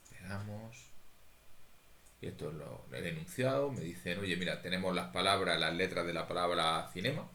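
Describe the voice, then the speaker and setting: A very low-voiced man talks through a statistics exercise at an unhurried, methodical pace. His voice bounces around an echoey room. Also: a bit bright. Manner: methodical, thinks aloud, talks to students. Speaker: statistics teacher. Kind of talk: recorded lecture walking through exercises.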